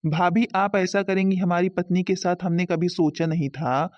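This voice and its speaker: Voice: mid-range voice, fairly even intonation, moderate pace, no echo, dull audio, pitched below the performer's own voice, natural voice. A voice actor playing a blunt, reproachful young husband and son in a cartoon.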